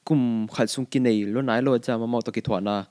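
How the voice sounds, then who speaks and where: A young man, a university student, answering podcast questions in halting, casual chat. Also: medium pitch, fairly even intonation, a little mellow. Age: young adult.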